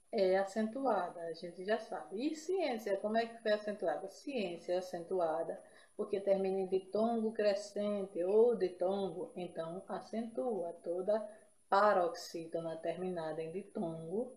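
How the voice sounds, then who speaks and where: Slow-talking woman teaching in an echoey room. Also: mid-range voice, a little mellow. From Brazil. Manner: explains step by step, checking in with listeners. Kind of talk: exam-prep grammar lesson.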